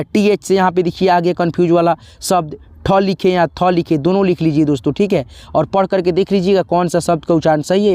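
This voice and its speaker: A man's voice: high-pitched, darkish tone, dry recording. A man teaching a beginners' spelling lesson, patiently spelling out each word letter by letter and repeating them. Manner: patient, repeats letters, addresses viewers as friends.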